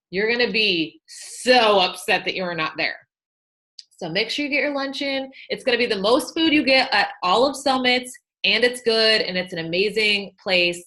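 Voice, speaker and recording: A young woman with a fairly high voice hosts a team call, reading shout-outs and announcements with chatty, cheerleading enthusiasm and lots of fillers. She is newly pregnant and feeling sick.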